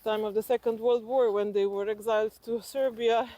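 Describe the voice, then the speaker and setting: Speaking with a Slovenian accent, this woman from Slovenia haltingly thinks aloud while sharing personal stories as an interview guest. Her voice sits a little high, mellow, with fairly even intonation.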